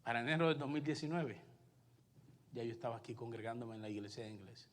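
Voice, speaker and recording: A male pastor with a Puerto Rican Spanish accent preaching a sermon and telling his own story, alternating loud emphasis with hushed asides. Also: mid-range voice, fast talker, in a large hall. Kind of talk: sermon with personal testimony. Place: church sanctuary.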